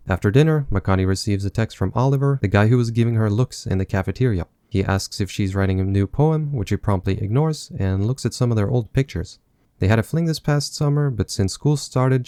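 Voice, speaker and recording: Man, sardonic film recap, mellow lowish voice, dry close sound. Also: dry recording. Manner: sardonic, mocking asides. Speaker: film reviewer. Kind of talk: sarcastic movie recap commentary.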